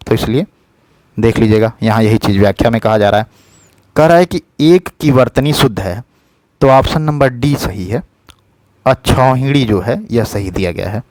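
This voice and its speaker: A man teaching as an exam tutor, patiently explaining spelling questions and repeating the correct form slowly, often checking in with "thik hai". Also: mid-range voice, darkish tone, no room sound.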